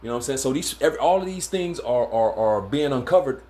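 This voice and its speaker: Man, casual scripture teacher, loose and rambling, fills pauses with "uh" and "man", mid-pitched voice. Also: lively intonation, dark tone. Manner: laid-back, stumbling, many fillers and "man". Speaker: religious teacher. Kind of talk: informal scripture lesson.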